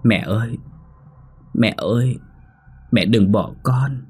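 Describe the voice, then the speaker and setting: Man putting on a little ghost girl, whimpering, slow, plaintive, distant, audio horror story. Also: lowish voice, lively intonation, warm tone, slightly rough, faint music behind, full character voice.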